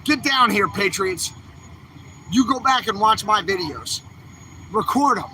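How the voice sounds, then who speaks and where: A man's voice: high voice, lively intonation, a little slow, bright, forceful tone, a little hiss or hum, poor audio. A man filming on a phone outdoors on a city street, delivering an impassioned, angry livestream rant full of repeated calls to action. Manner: fiery, repetitive, angry exhortation. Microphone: handheld phone camera.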